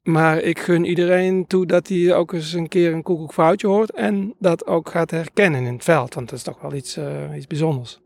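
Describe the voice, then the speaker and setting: A man's voice: a little high, moderate pace, creaky, hardly any pauses, a little mellow, no echo. A man who records nature sounds, telling stories in a casual interview and rambling hesitantly with many filler sounds.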